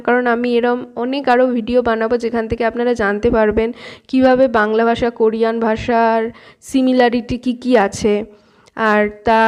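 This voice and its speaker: A woman's voice: a little high, a little mellow. A woman with a Bengali accent teaching a language lesson, patiently repeating sounds to demonstrate pronunciation.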